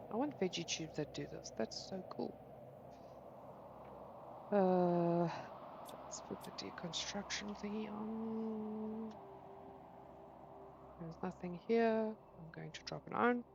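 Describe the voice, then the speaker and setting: A woman hosting a gaming channel, chatting casually to herself as she plays, excitable and quick to swear mildly. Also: medium pitch, lo-fi sound, background noise. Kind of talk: casual gameplay commentary.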